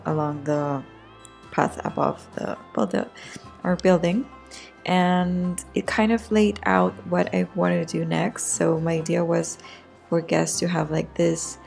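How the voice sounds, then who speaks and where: Low, raspy woman narrating over music. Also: darkish tone. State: raspy voice today. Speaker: video game build narrator. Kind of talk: casual voice-over commentary on a game build. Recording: music behind the voice. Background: background music.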